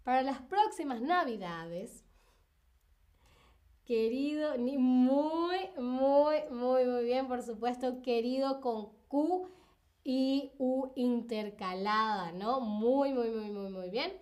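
Slow, high-voiced woman teaching live. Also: darkish tone. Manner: slow, patient explaining with many fillers and cheering praise. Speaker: Spanish teacher. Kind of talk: live-streamed spelling lesson.

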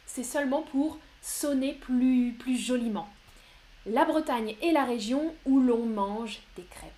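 A woman's voice: high-pitched, slow, dark tone. A woman teaching grammar in a live online lesson, patient and encouraging as she answers viewers one by one. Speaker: French teacher.

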